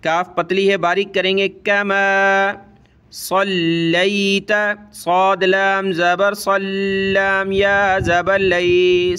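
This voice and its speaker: In a high, somewhat bright, smooth voice, a man walks learners through Quran recitation one step at a time. He explains the letter sounds quickly, then recites every phrase in a slow, elongated way.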